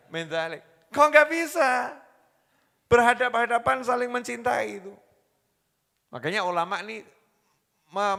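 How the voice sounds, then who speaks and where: Javanese-accented preacher in a reverberant hall. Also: male voice, mid-range voice. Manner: storytelling, acts out quoted voices, swings between soft and loud. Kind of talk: sermon.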